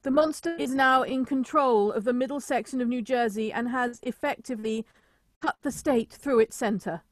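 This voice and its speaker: A woman playing a grave radio news announcer, reading emergency bulletins in a formal, measured way for a radio play. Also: a little high, no room sound, lightly acted.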